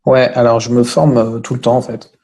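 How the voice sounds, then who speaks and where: A man's voice: mid-range voice, little pitch movement, fairly quick, mellow. A man being interviewed as a podcast guest, talking casually and thinking aloud as he explains. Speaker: podcast guest, online business owner.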